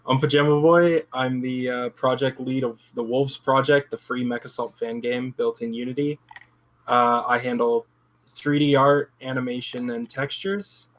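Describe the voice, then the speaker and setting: A man speaks as a guest on a casual podcast, in a middle-pitched voice. He thinks aloud, circling back and restarting sentences as he reflects. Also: fairly even intonation, normal speed, a bit bright. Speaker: podcast guest, game project lead. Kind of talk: casual chat.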